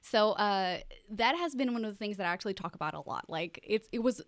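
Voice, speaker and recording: A woman's voice: mid-range voice, animated, a little fast, no room sound. A woman from Portugal, talking as a guest in a casual interview, chatty and upbeat. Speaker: podcast guest.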